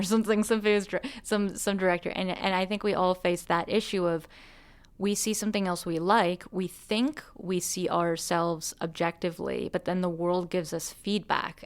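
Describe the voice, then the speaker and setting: Earnest woman host with a smooth, low voice. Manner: earnest, musing, with restarts and light laughs. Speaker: podcast host and musician. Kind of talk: reflective conversation.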